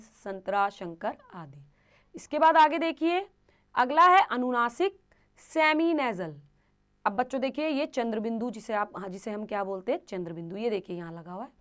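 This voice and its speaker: A woman teaching children a grammar lesson, explaining each point and then quizzing them with questions, drawing out the example words slowly. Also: on the high side, clean tone.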